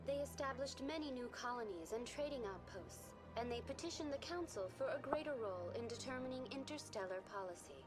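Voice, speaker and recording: Woman doing a too smooth android tour guide lady, polite and even, kinda high, game music going behind. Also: fairly quick, hardly any pauses, close to an everyday voice. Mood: smooth, courteous. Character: calm female virtual intelligence tour guide. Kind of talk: video game voice acting. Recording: game audio with background music.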